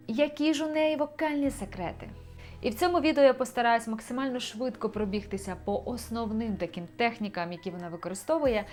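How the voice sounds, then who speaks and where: A young woman, a vocal coach, explaining singing technique in an enthusiastic video lesson. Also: mid-range voice.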